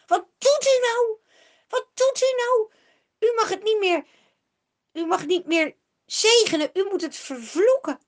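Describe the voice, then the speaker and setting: A woman voicing a desperate pagan king who pleads and wails in a high, loud voice in a spoken Bible story. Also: unhurried, long pauses. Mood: wailing.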